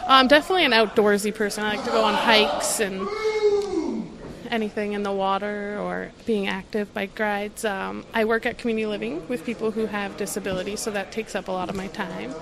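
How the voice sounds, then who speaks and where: A woman's voice: medium pitch, fairly even intonation, brisk, vocal fry, over a noisy crowd. A young woman, a pro wrestler being interviewed, answering casually and laughing often. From Canada.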